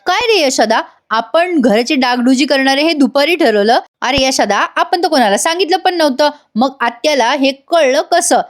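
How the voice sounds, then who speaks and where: A woman reading the lines of a teasing, sharp-tongued young village man. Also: high-pitched, animated, normal speed, hardly any pauses, pitched above the performer's own voice. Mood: taunting.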